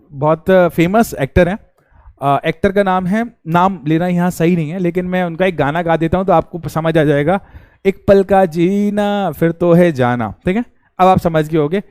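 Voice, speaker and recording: A man with a fairly high voice teaches a live online science class. He talks in a chatty, teasing way, and keeps asking his students questions before answering them himself. The sound is dry and close to the mic, with no room echo. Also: a little mellow, smooth.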